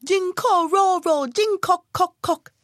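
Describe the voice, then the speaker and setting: A woman voicing little toad children who answer in sing-song croaking calls. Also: very high voice, takes it slowly, fairly bright tone, no echo, clean studio sound, voice pushed up, full character voice. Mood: chirpy. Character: small chirping toad children.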